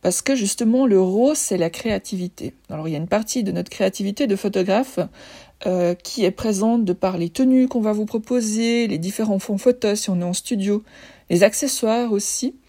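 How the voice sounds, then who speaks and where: A woman's voice: medium pitch, normal speed, dark tone. A woman with a lisp on her s sounds, explaining things informally and conversationally as a photographer presenting.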